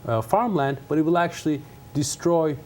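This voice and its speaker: Middle-aged turkish guy in a tv studio interview, earnest, lots of ums and restarts, voice a bit on the high side. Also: normal speed, a little mellow. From Turkey. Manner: earnest, many fillers and restarts. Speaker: guest, conservation scientist. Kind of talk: casual interview talk.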